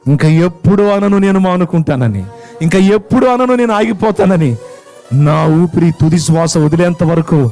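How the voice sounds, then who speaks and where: A man's voice: lowish voice, lively intonation, normal speed, long pauses, a little mellow, husky, soft background music. A man voicing an aged, weary preacher who pleads tearfully.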